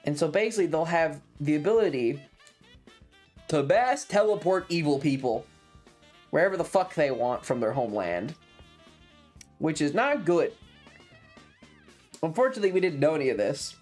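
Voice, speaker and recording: This variety game streamer speaks at medium pitch and a moderate pace, leaving long pauses while recounting a story to chat. The retelling is casual, sweary and sardonic, with dialogue acted out over video game music.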